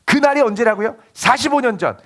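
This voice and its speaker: A man preaching a sermon as a pastor, telling the story with lively acted-out quotes. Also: very high voice, a little fast. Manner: animated storytelling, acting out quoted voices.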